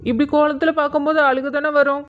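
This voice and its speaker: A woman's voice: sits high, flat delivery, fast talker, noisy background, natural voice. A woman voicing a sly, joking young man, the friend, in a cartoon. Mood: teasing. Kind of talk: cartoon voice acting. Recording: dull lo-fi sound.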